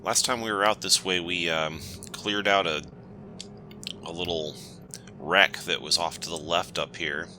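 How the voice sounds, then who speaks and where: While exploring, a man who has a cold offers relaxed, think-aloud let's-play commentary for his gaming channel. The voice is very low but strikingly bright and forceful, with soft game music underneath.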